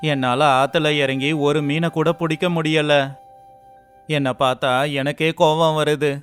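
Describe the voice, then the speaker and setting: A man's voice: fairly high pitch, level tone, measured pace, a bit bright, soft background music. A man playing a despairing poor fisherman. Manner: tearful, lamenting, earnest. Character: poor young fisherman, despairing yet kind. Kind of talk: storybook voice acting.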